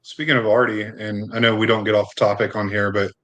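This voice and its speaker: A man's voice: fairly low pitch, little pitch movement, a little fast, a bit bright, highs cut off. A man co-hosting a live-streamed college sports talk show, chatting in an easygoing way over a remote call. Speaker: sports podcast co-host. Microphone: remote video-call stream.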